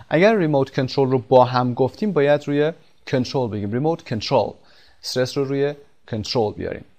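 Persian-accented guy teaching english vocab, goes over each word slowly and patiently. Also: mid-range voice. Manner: explains patiently, repeats words slowly for pronunciation. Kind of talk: vocabulary lesson.

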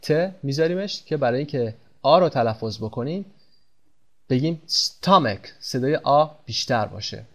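A man teaching English pronunciation in Persian, speaking slowly and repeating example words with stress. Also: mid-range voice, animated. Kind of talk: pronunciation lesson.

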